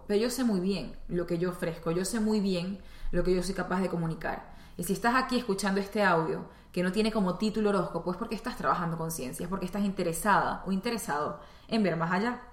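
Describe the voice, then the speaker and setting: A woman from Venezuela with a Venezuelan accent, giving a spiritual self-help talk and speaking straight to the listener in a conversational way. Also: medium pitch. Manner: conversational, addresses listener directly. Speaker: spiritual teacher and astrologer. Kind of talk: spoken self-help monologue. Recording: echoey room.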